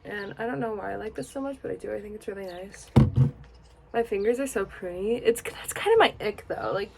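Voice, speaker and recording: A young woman chatting casually while getting ready, sleepy and rambling, sometimes dropping to a soft murmur. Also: medium pitch, a little fast, vocal fry, noisy background. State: sleepy, yawning. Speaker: beauty vlogger. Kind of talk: casual get-ready-with-me chat.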